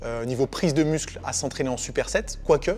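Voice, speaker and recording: Fast-talking fitness coach. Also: male voice, mid-range voice, a little mellow, slight background noise. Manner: fast, confident, blunt with casual fillers. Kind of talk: quick-fire opinion answers.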